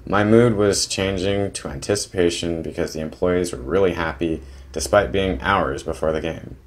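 Young male vlogger, very low voice, plain detailed diary-style narration. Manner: plain, detailed descriptive narration with small restarts.

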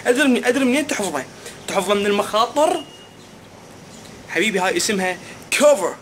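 A young man with an Iraqi Arabic accent, doing an animated, mock-puzzled comic vlog monologue. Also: sits high, fast, noisy background. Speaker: comedy vlogger.

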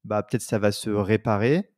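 A man's voice: lowish voice, moderate pace, no room sound, studio quality. Chatty man hosting a podcast. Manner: relaxed and chatty, stumbles and repeats words. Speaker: podcast host. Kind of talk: casual interview chat.

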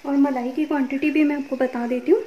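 In a muffled recording from an echoey home kitchen full of loud sizzling, a woman hosts a cooking tutorial at a gas stove. She talks fast in a high, steady voice, chatting through every step and frequently saying "okay."

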